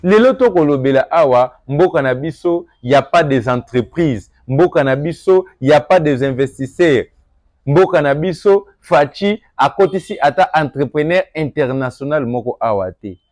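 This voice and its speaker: A young Congolese man with a Congolese French accent giving an earnest address to viewers, moving between calm reflection and emphatic appeals. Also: on the high side, moderate pace, no echo, studio quality. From Democratic Republic of the Congo. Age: young adult. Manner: earnest, rising to emphatic, mixes French and Lingala. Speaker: political commentator.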